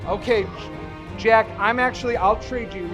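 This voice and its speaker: A man's voice: high voice, moderate pace, music in the background. A man performing as a magician at a live show, joking and encouraging a volunteer with chuckling banter. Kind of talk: live stage patter with a volunteer. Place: live show in front of an audience.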